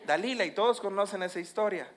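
A preacher retelling a Bible story, swinging between loud emphatic bursts and hushed endings. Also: mid-range voice, fast. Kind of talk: storytelling sermon.

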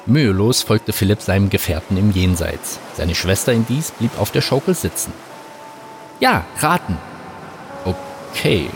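Deep-voiced man reading a story. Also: lively intonation, moderate pace, few pauses. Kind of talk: audiobook narration. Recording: narration over music.

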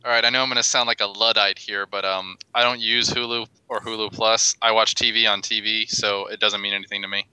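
A man's voice: lowish voice, flat delivery, brisk, hardly any pauses, sharp tone, clear, resonant tone, no room sound, poor audio. A man chatting on a gaming podcast in a wry, teasing way. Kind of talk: casual podcast chat.

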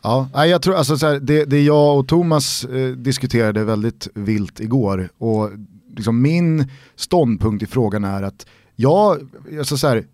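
A man hosting a podcast in casual chat, talking in animated, quick bursts. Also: medium pitch, no echo, clean studio sound. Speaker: podcast host.

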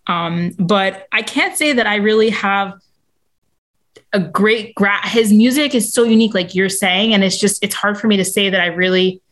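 A woman's voice: medium pitch, moderate pace, fairly bright tone. A woman talking as a podcast guest, sharing a meandering, chatty story in casual interview conversation.

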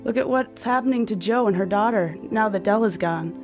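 A man's voice: high-pitched, brisk, music in the background, voice pushed up. A male narrator voicing a flustered, earnest young woman who used to be a man, in an audiobook. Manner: flustered, pleading.

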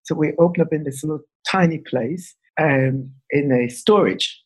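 A man from England, a podcast guest, telling a story with animated, acted-out quotes. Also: a little high, moderate pace, husky, low-quality recording. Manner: animated, acts out quoted voices. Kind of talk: storytelling in a casual interview.

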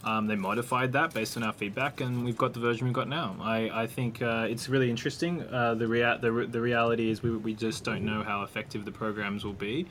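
A man speaks as an upbeat, confident guest in a casual panel discussion. His voice sits at a middle pitch and is full of casual fillers. Faint background noise sits behind him. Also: fairly even intonation, fairly quick, hardly any pauses, fairly bright tone. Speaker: incubator organizer, guest.

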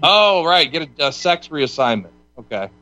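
Male talk host, halting and repetitive, bright forceful voice, dry close sound. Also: fairly high pitch, sing-song, no echo, soft background music, low-quality recording. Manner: halting, repeats words, joking. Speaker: show host. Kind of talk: casual talk-show chat.

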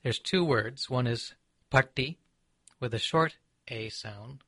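A man from Seattle, an author and poet being interviewed, who speaks in a measured, reflective way with frequent pauses and ums. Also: medium pitch, a bit bright, slightly rough, no room sound. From Seattle, USA. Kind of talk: thoughtful conversational interview.

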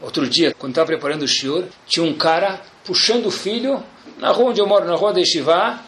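A man's voice: high voice, fast, a bit bright. A man with a Brazilian Portuguese accent giving a religious lecture as a rabbi, emphatic and colloquial, asking rhetorical questions and repeating key phrases. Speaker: rabbi giving a Torah class. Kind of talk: religious lecture, sermon with storytelling.

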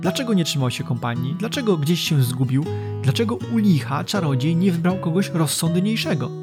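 A man reading aloud as a sour, complaining male dwarf with a husky voice. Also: on the high side, lively intonation, normal speed, music in the background. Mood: grumbling. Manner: grumbling, complaining.

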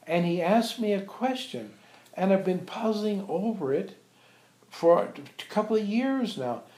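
Recorded in an echoey room with a few visitors present, this older monk and abbot shares anecdotes about his teacher with a small group. His voice sits high and a little mellow, and he informally performs the dialogue he quotes with animation.

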